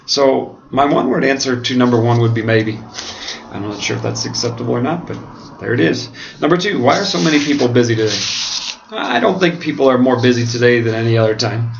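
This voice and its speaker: With his mouth swollen after oral surgery, as though still numb from the dentist, a medium-pitched American man speaks to camera haltingly and earnestly. He's a pastor and seminary student answering questions reflectively, captured on a dull, noticeably noisy lo-fi home video.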